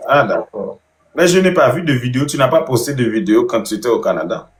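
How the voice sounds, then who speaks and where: A man hosts a casual live stream, talking emphatically and circling back to the same point. His voice sits at an ordinary middle pitch. The room around him rings with a noticeable echo. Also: expressive, fast, a little hiss or hum. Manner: emphatic, repeats himself. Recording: roomy echo.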